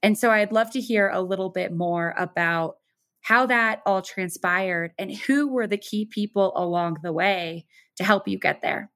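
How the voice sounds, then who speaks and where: A woman interviewing a guest, asking long, measured questions sprinkled with "you know". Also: mid-range voice, smooth, dry recording, studio quality. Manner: warm, measured questions with many fillers. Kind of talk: podcast interview.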